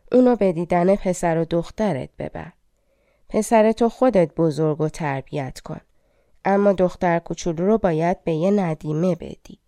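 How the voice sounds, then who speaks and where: A woman voicing an old limping fortune-teller, a fairy in disguise, in a storybook reading, speaking in a gentle, coaxing and mysterious way. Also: fairly low pitch, no echo, clean studio sound, natural voice. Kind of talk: audiobook fairy tale reading.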